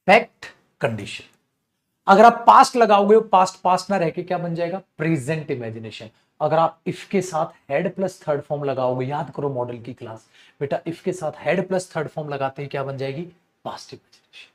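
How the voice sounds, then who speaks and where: A man with a Hindi accent teaching English grammar in an online class, animated and scolding, calling his students beta. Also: a little high.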